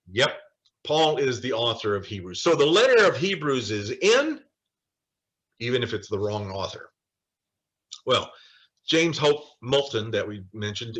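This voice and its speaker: During an online video call study session, a man teaches a Bible study in a bright, forceful voice with very lively pitch. Lecturing informally from notes, he is emphatic and animated, leaning hard on key phrases and slipping in wry asides.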